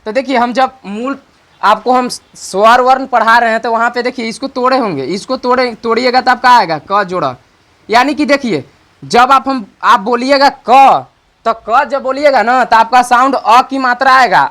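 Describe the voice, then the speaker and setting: A man's voice: very high voice, sharp tone. A man teaching an online grammar class, repeating each point and asking questions that he answers himself. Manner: repetitive, asks questions and answers them himself; slow dictation while writing.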